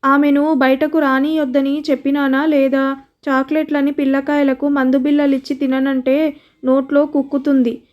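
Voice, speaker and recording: A woman's voice: high-pitched, flat delivery, moderate pace, darkish tone, natural voice. Woman voicing an angry grown son. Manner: harsh, complaining.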